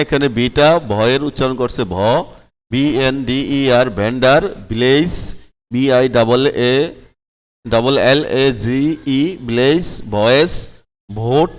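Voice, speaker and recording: A man teaching pronunciation in a Bangladeshi Bengali accent. He spells each word letter by letter, repeats it slowly and keeps asking whether the pupils follow. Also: medium pitch, big-room sound. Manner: asks the pupils "কেমন?" to check they follow.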